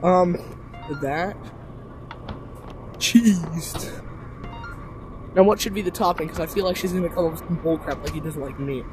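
A man's voice: high voice, a little slow, pauses often, over music. A young man giving casual, joking gameplay commentary full of slang. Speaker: gamer.

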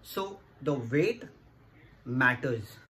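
A man's voice: medium pitch, expressive, drawn-out words, background noise. A man, explaining to camera in a casual, earnest way and repeating his points to viewers. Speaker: vlogger. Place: small indoor room against a plain wall. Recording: music playing underneath.

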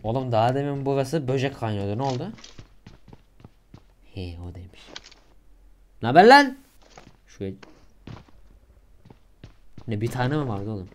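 A young man giving casual, slangy commentary over a mobile shooter game, getting loud and excited in tense moments. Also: medium pitch, moderate pace, pauses often, a little hiss or hum. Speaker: gaming YouTuber.

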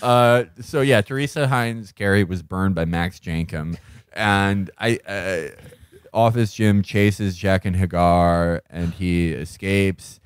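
Man, low voice, dry close mic, rambling sardonic comedic recap, breaks into laughs. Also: slow, clean tone, no room sound. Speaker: podcast co-host.

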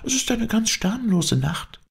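A man's voice: high-pitched, very animated, measured pace, vocal fry, pitched above the performer's own voice, exaggerated voice. A man voicing a spirited young woman circus rider in an audiobook, talking in an urgent, playful rush. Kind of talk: audiobook character voice.

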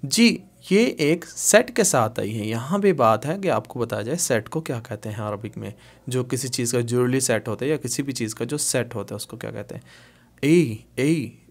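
Guy teaching arabic phrases, says each one over and over, mid pitch. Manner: repeats phrases slowly, drilling each word. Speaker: language teacher. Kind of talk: spoken Arabic lesson with Urdu and English glosses.

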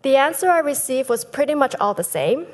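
A woman in her thirties, a business founder who grew up in Thailand, giving a lively prepared talk from a lectern on a conference stage. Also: sits high, brisk. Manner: lively, gestures with both hands, speaks from a lectern. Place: large conference hall stage. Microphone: lectern microphones. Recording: long hall reverb.

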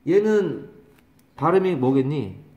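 A man teaching English vocabulary to a class, drawing out pronunciations slowly and teasing and scolding his students. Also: a little high, big pitch swings, a little mellow, lo-fi sound. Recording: echoey classroom.

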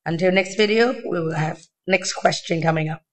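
A man with a thin, weak, unwell voice tutoring step by step in halting, short phrases, informally. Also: on the high side. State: unwell, weakened voice. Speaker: maths tutor. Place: indoors at a desk.

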